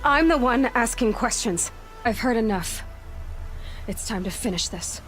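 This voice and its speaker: A woman's voice: fairly high pitch, animated, unhurried, fairly bright tone, soft background music. An actress playing a stern, vengeful young warrior woman in a video game, terse and controlled as she questions someone. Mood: insistent.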